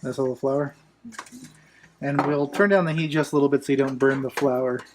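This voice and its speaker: A man's voice: medium pitch, fairly even intonation, brisk, slight background noise. A man hosting a casual cooking demonstration, giving laid-back, chatty instructions with joking asides. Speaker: cooking show host. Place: kitchen, at the stove and counter.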